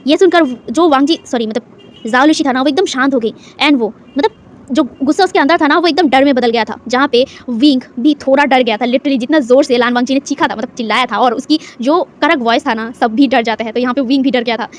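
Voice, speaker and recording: Fast, high-voiced young woman storyteller. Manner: chatty, filler-heavy, mixing in English words. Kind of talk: casual fan-fiction story narration.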